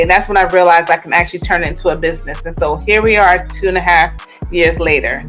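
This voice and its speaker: A woman from Jamaica tells her story as a podcast guest, lively and animated, slipping into other people's voices as she quotes them. Her voice sits on the low side, with faint music underneath. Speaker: guest entrepreneur. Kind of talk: casual interview storytelling.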